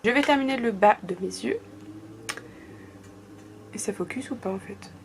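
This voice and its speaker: A woman's voice: mid-range voice, normal speed, creaky, a little hiss or hum. Chatty young woman murmuring through makeup. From France. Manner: chatty, often trailing off into murmurs. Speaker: beauty vlogger. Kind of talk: casual makeup tutorial chat.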